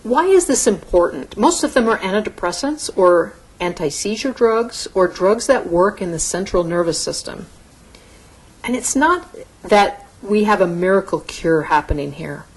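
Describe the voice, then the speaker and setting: A woman's voice: medium pitch, lively intonation, moderate pace, husky, rough recording. A middle-aged woman physician giving a conversational medical lecture to an audience, explaining in a plain, easygoing way. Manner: explanatory, conversational, occasional restarts.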